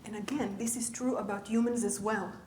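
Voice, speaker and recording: A woman's voice: medium pitch, steady tone, brisk, darkish tone, roomy sound, a little hiss or hum. A woman giving a conversational lecture as a leadership coach, often checking in with her audience. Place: lecture room.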